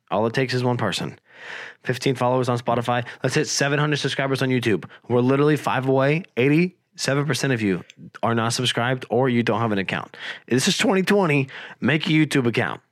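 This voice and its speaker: A man's voice: medium pitch, dry recording. A young man hosts a podcast while fighting a cold. He rambles and jokes in loose casual chat and swears freely. The sound is dry and close. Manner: rambling, joking, swears often. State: has a cold, voice lower and rough. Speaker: podcast host.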